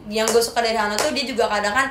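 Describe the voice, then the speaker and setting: A woman's voice: a little high, steady tone, racing. Female podcast guest, Jakarta accent, informal chatty delivery; reverberant recording with faint background noise. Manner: informal, slangy. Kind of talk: casual chat. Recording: echoey room with faint noise.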